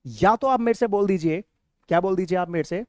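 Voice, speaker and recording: A man teaching an English-speaking lesson to a class, animated and drilling words by repetition. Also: sits high, brisk, no echo, studio quality.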